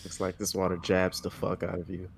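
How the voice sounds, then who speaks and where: A man with a fairly low voice plays in a tabletop game. He chats casually and informally, using slang as he describes his moves. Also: monotone, brisk, vocal fry, a little hiss or hum. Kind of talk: casual chat during play.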